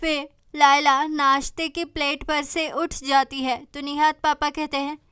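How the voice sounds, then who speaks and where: Female recap narrator, steady storyteller, high and bright. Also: unhurried, no echo, studio quality. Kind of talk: scripted drama recap narration.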